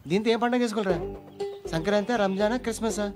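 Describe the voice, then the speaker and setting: A sarcastic, cheeky street beggar, played by a man, with a high voice that mocks and lectures. A loud film score sits under him. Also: fast talker, natural voice. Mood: mocking. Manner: mocking, lecturing. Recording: film soundtrack with loud music.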